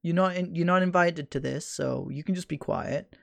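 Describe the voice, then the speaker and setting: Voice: medium pitch, moderate pace, creaky. A podcast host steering the topics and teasing co-hosts in casual banter. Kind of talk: casual chat.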